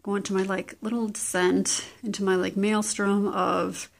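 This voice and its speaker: A woman rambling casually into a camera at home, meandering and self-deprecating with many pauses and ums. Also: mid-range voice, flat delivery, vocal fry. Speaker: vlogger. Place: at home indoors.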